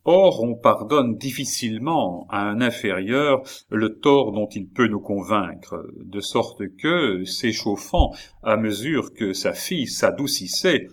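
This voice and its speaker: A male narrator reading a classic novel aloud. His voice sits low and he keeps a measured, literary pace. It sounds like a steady audiobook reading.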